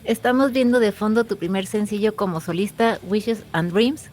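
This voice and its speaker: Fast-talking woman. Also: medium pitch, a little mellow, soft background music. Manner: formal, welcoming. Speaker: interview host. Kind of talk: scripted interview hosting.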